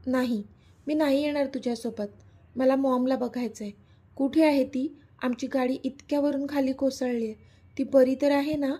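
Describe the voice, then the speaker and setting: Woman doing a defiant young girl, tearful, husky, mellow voice. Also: high voice, fairly even intonation, moderate pace.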